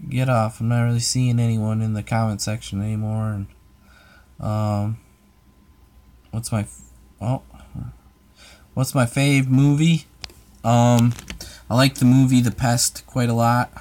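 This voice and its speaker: A man's voice: mid-range voice, steady tone, measured pace, long pauses, darkish tone. A man hosting his own ASMR channel, chatting casually with viewers in a rambling, hesitant way full of fillers and restarts. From United States. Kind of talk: casual livestream chat answering comments.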